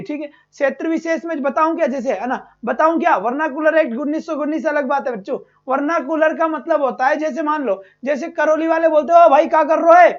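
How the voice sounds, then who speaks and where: A man giving an energetic online exam-prep lesson, repeating points and calling his students "beta". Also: very high voice, lo-fi sound.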